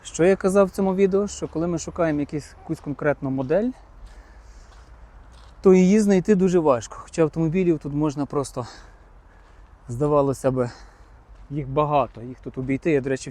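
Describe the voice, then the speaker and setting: Male car vlogger, warm mellow tone, chatty and direct with viewers, outdoor lot. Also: fairly high pitch. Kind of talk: casual on-the-spot car inspection vlog. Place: outdoor used-car market.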